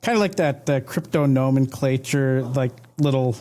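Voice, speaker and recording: A man's voice: mid-range voice, moderate pace, warm tone. A man hosting a podcast interview, asking questions in a casual way with many fillers. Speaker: podcast host.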